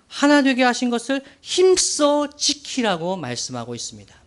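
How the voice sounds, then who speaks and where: Casting note: male pastor with a high, bright voice, delivering an earnest sermon with slow, weighty emphasis. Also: wildly swooping pitch. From Daegu, South Korea. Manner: earnest, slow emphatic phrasing with rhetorical questions to the congregation.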